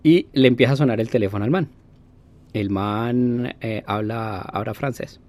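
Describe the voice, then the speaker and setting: A man telling a casual story, animated, acting out voices with playful sound effects. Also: medium pitch, moderate pace.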